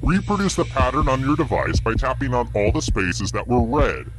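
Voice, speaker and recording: A man's voice: medium pitch, very animated, moderate pace, natural voice. An actor playing a sinister male game show host who menaces the players in a sardonic, threatening manner. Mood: menacing. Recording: music playing behind voice.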